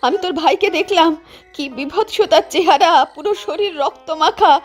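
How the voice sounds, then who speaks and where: A woman's voice: very high-pitched, normal speed. A woman playing a doting, distraught mother in a cartoon ghost story, coaxing and plaintive. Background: background music.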